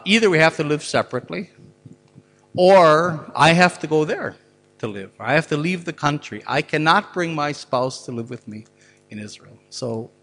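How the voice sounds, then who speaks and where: A man's voice: medium pitch, fairly bright tone. A man giving a public talk and answering questions. He argues earnestly and often repeats words as he works out a thought. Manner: earnest, argumentative, repeats words while thinking. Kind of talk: public lecture with Q&A. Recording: long reverb of a large hall.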